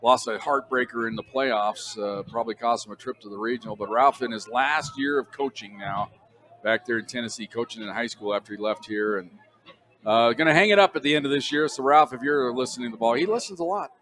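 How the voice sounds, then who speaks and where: Here the older radio announcer speaks at medium pitch, a little fast and a bit bright, over a broadcast booth microphone. Between plays of the college football game he tells stories, chuckling in a chatty way.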